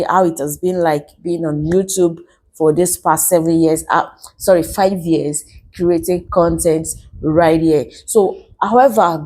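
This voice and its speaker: Low, mellow-voiced woman giving earnest testimony. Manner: earnest and devout, repeats phrases for emphasis. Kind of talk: personal testimony vlog to camera.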